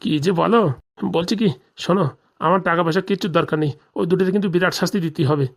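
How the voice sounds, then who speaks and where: This is a man with a high voice and a quick pace. He performs a scheming, indignant middle-aged villager, a forty-year-old husband who's been jilted, for a comedy cartoon, grumbling and swearing in rustic everyday speech.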